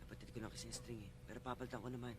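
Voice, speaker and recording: A young actor playing a guilty nephew who pleads, apologizes and defends himself. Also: male voice, mid-range voice, fairly even intonation, racing, husky, no echo. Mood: pleading. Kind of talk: film drama acting.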